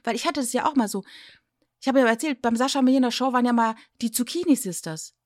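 A woman's voice: fairly high pitch, fast, dry recording, clean studio sound. Pedantic woman spelling out words. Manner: self-deprecating and animated when explaining. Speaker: podcast co-host. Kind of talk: casual chat.

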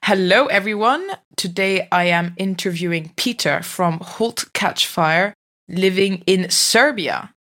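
A woman's voice: lowish voice, takes it slowly, a bit bright. A woman hosting a podcast, introducing her guest and asking questions in an upbeat way, often restarting her sentences. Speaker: podcast host. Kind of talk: podcast interview.

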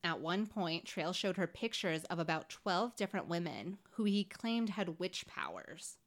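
A woman's voice: fairly low pitch, animated, a little slow. A woman hosting a podcast, casually recounting a criminal case with frequent "like" and wry asides. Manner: conversational, fillers like "like", wry asides. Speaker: podcast host. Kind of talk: true-crime podcast narration.

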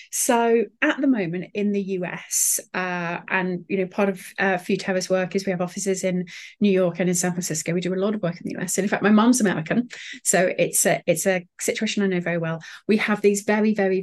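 A woman speaking as an interview guest, articulate, with frequent fillers and restarts. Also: on the low side. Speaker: sustainability consultant, guest. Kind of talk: interview conversation.

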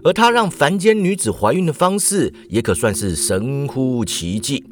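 Lively chatty male storyteller. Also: medium pitch, normal speed, slight background noise. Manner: lively, chatty, with playful asides. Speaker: podcast host retelling myths. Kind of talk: casual storytelling narration.

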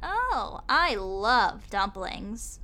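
A man voicing a blind older mother who is sharp-tongued and feisty, in a high sing-song put-on voice. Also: very animated, very slow, exaggerated voice. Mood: teasing.

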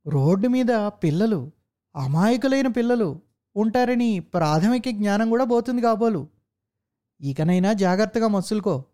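A narrator playing a stern, quick-tempered middle-aged male office manager who scolds and commands. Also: mid-range voice, dark tone, pitched above the performer's own voice, lightly acted. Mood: lecturing.

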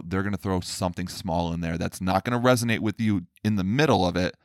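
A man speaking earnestly in a casual monologue about men's feelings, sometimes mimicking others in a higher voice. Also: no echo, studio quality. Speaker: speaker on men's emotional health.

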